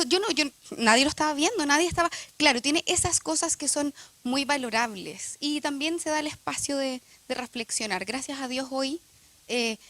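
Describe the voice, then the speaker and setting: A woman's voice: high voice, fairly bright tone. A young woman, speaking reflectively and with emotion in a church testimony interview, often hesitating with fillers.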